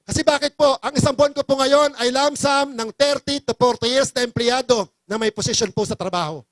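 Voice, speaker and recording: Rousing the audience at a business forum, a middle-aged Filipino man delivers a pleading, emotional testimony. He speaks briskly in a very high voice, recorded dry.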